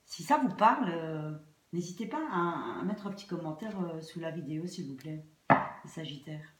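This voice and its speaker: Woman w low voice doing a casual tarot reading, got a sore throat, kinda hesitant n repeats herself, echoey room. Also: lively intonation, normal speed. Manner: hesitant, trailing off and repeating phrases. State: throat infection with coughing. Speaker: tarot card reader. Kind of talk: informal tarot reading for online viewers. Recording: echoey room, faint noise and clicks.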